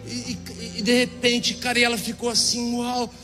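Brazilian male preacher, high voice, storytelling testimony, echoey hall with faint music. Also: fairly quick. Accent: Brazilian Portuguese. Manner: lively storyteller who acts out dialogue. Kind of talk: storytelling sermon.

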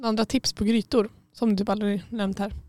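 A woman's voice: medium pitch, level tone, dark tone, dry recording. A woman co-hosting a podcast in casual chat, curious and hedging, with many fillers. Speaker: podcast co-host. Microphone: studio mic.

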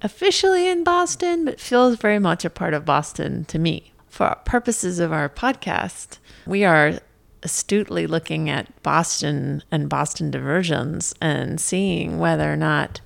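A woman co-hosting a casual podcast, playful and quick to laugh. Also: sits low, lively intonation, gravelly. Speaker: podcast co-host. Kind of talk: casual chat. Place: Somerville, Massachusetts.

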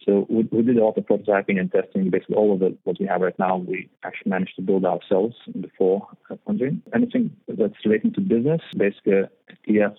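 A young man from Lithuania, speaking English as a second language, answers interview questions in a very low, husky voice. He hesitates constantly, with many fillers and repeated words. The sound is dry and tinny, like a phone call. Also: expressive, fast, no room sound. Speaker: startup founder, guest. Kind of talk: interview conversation.

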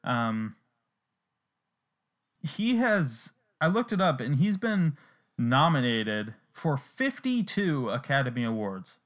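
A man hosting a casual podcast chat, relaxed and rambling with fillers. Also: mid-range voice, slow pace.

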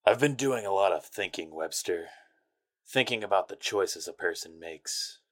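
An actor playing a world-weary, sardonic hardboiled private eye in a noir audio drama. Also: male voice, sits low, animated, moderate pace, fairly bright tone. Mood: brooding.

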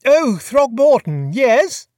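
A narrator voicing a genial, courteous aristocratic gentleman with a breezy, clipped upper-class manner, in an audiobook. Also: high voice, very animated, slow pace, no room sound, studio quality, voice pushed up, full character voice.

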